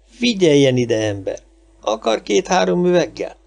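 Male detective, probing and insistent, voiced by the male narrator; raised pitch, audiobook. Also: big pitch swings, gravelly, a little mellow, full character voice. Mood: questioning. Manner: probing, questioning. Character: patient male police detective questioning. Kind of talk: audiobook character reading.

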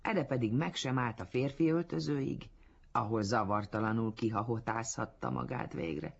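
A man reading a literary story aloud in a measured storytelling manner, on a dull lo-fi recording. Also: mid-range voice, vocal fry, slightly rough. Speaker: narrator. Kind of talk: literary audiobook narration.

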